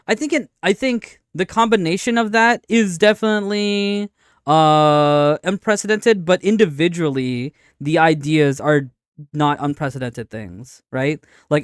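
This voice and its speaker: A man streaming casual live commentary, arguing his points in an insistent, halting way with frequent repetition. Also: fairly high pitch, smooth, no echo, clean studio sound. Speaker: streamer reacting to a video and answering chat. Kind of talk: casual live commentary, debating game updates.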